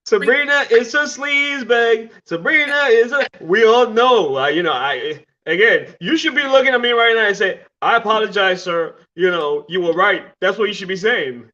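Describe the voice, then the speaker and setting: Man, podcast co-host, bright high voice, insistent, teasing, slightly muffled lo-fi audio. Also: lively intonation, normal speed, few pauses. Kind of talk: casual debate chat.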